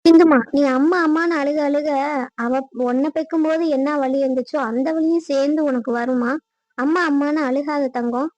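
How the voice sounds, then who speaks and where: A woman's voice: high voice, steady tone, moderate pace, darkish tone, no room sound, muffled recording, natural voice. A woman voicing an older aunt who soothes and gives firm orders. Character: older aunt, steady and comforting.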